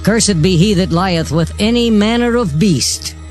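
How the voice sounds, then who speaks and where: A man's voice: high voice, unhurried. A man playing a stern ancient prophet, solemn and declamatory, in a dramatized Bible reading over music. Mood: stern, condemning. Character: stern ancient prophet proclaiming sacred law and curses.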